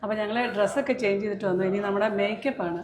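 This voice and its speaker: A woman's voice: mid-range voice, rapid-fire, crowd noise. Chatty middle-aged woman vlogging. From Kerala, India. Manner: chatty, explains as she walks around. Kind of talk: casual vlog narration. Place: TV studio and makeup rooms.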